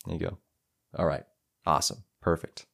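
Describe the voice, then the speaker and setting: A man with a very low voice narrates and referees a tabletop game. He talks loosely and laughs often. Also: little pitch movement, normal speed, gravelly, fairly bright tone, husky. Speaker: game master.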